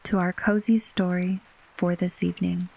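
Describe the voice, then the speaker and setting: A woman narrating a bedtime sleep story as guided relaxation, gently and unhurriedly, with long pauses between short phrases. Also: on the low side, vocal fry, rough recording. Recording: steady rain ambience behind voice. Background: rain falling.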